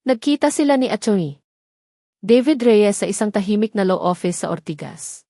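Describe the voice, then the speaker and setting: Reading a dramatic scripted tale aloud, a Filipino-accented female storyteller uses lively intonation at a moderate pace. Her voice is mid-range and dark, captured in studio quality with no room sound.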